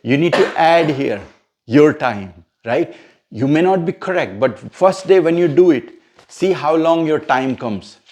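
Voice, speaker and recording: A man's voice: on the high side, expressive, measured pace, a little mellow, a little hiss or hum. A man teaching a hosting practice class step by step, often checking whether his listeners follow. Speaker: MC trainer. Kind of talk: instructional coaching session.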